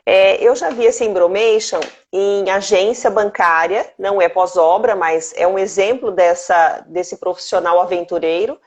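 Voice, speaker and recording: A woman's voice: mid-range voice, unhurried, hardly any pauses, a little mellow. A Brazilian woman hosting a live stream. She speaks earnestly and breaks off her stories to greet viewers by name. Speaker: host.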